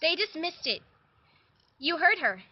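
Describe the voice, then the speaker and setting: A woman's voice: very high-pitched, big pitch swings, unhurried, exaggerated voice. A woman playing an indignant, blustering farmer husband in an amateur sock puppet play. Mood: reassuring. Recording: dull, noisy lo-fi home recording.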